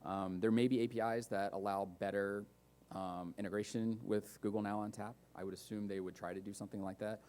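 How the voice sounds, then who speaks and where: At a developer conference, a man speaks casually about speech recognition and fields audience questions, relaxed and full of fillers and asides. His voice is lowish and a little fast, heard in a conference room.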